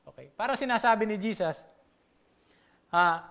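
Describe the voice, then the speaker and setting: High-voiced Filipino pastor preaching. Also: male voice, a bit bright. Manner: conversational, checks in with the listeners often; slows down to read scripture aloud. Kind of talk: sermon mixing Tagalog and English.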